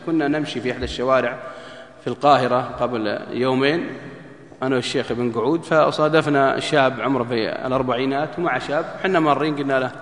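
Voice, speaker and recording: A man's voice: mid-range voice, fast. A man preaching, telling stories and acting out dialogue, joking with a live audience. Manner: lively, jokes with the audience, acts out dialogue. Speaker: preacher giving a lecture. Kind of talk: religious lecture with storytelling. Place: lecture hall with live audience. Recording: echoey hall.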